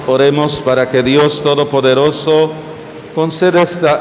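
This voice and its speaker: A man serving as priest, intoning baptism prayers in a solemn, measured way, his voice ringing with long cathedral-style church echo. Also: fairly high pitch. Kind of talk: slow liturgical prayer at a baptism. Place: large church. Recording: echoey church, loud background hiss.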